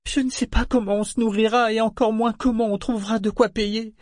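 A young noblewoman pleads through tears, her voice lifted high and carried on a breathy, faraway tone, put on by a man reading the story. She sounds dutiful and close to breaking. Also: normal speed, a little mellow, no echo, lightly acted. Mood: tearful, pleading. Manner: pleading, tearful.

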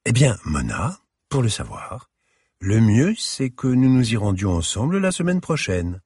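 Refined older woman curator read by a man, clear slightly hissing voice, courteous and formal, raised pitch, dry close sound. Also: very animated, a little slow, a little mellow, dry recording, exaggerated voice. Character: elegant 65-year-old woman museum curator.

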